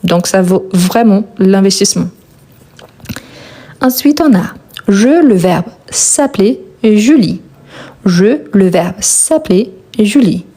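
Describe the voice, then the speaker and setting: A woman teaching French grammar, repeating each step with slow, careful dictation and brief encouragement. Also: medium pitch, animated, warm tone, husky. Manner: slow, deliberate dictation with repetitions. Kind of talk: grammar lesson, spelled out slowly.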